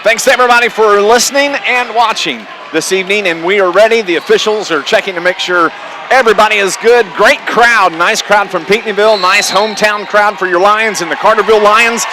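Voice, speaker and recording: With some chatter behind him, a man whose voice sits high calls basketball play-by-play on live radio, brisk and sharp-toned, in clipped running phrases. The noisy gym broadcast includes gymnasium ambience and bouncing basketballs.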